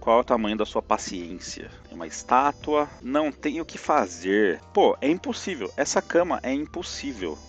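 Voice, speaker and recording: A man with a Brazilian Portuguese accent giving lively live commentary on a platform game, yelping and groaning at each jump. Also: medium pitch, normal speed, few pauses, faint music behind. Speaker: streamer playing a platform game.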